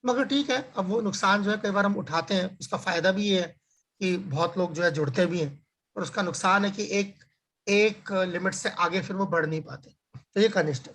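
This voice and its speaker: A man whose high voice is fairly bright and slightly rough teaches scripture over a video call in a casual lecture style. He relies on rhetorical questions and everyday examples, often uses filler phrases and restarts, and slows down to highlight key words.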